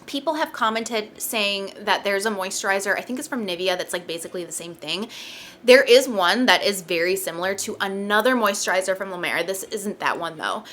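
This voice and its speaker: A young woman talks through her favorite products in a loose, chatty way, leaning on filler words as she goes. Her voice sits at an ordinary middle pitch with a bright, forward edge. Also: fairly quick, a little hiss or hum. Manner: chatty, many "like" and "um" fillers, light laughs. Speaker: beauty vlogger. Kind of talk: casual product review chat.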